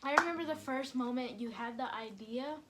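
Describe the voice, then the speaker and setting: A young mother talks through a casual eating vlog in a high, bright voice. She is chatty and giggly, a little emotional at times. The home recording carries a steady layer of noise. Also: a little fast. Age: young adult. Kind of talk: casual chat over a mukbang.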